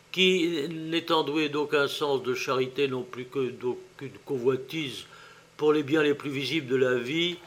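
Male storybook narrator, slightly high voice, slow and deliberate, expressive. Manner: expressive, slow and deliberate, with wide swings in loudness. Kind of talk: literary storybook reading.

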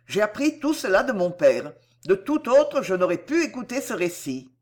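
Woman reading as a proud, agitated young gentleman. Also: mid-range voice, big pitch swings, normal speed. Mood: indignant. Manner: declaiming, formal and agitated. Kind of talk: audiobook character reading.

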